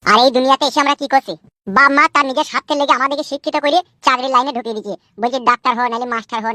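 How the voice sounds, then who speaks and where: A woman's voice: high voice, pushed and bright, dry recording. A woman voicing an uneducated young man who earnestly rambles about the meaning of life in a comedy cartoon.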